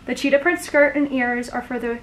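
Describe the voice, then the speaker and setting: A woman's voice: high voice, fairly quick, fairly bright tone, low-quality recording. A young woman with a bubbly, gushing sorority-girl manner, chatting casually for a vlog. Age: young adult. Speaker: vlogger, college sorority member.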